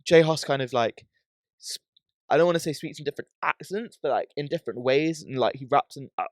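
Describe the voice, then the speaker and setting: A man's voice: on the high side, a little fast, dry recording, clean studio sound. A British man hosting a podcast in casual, slangy chat, often tagging his points with "bro" or "yeah". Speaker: podcast host.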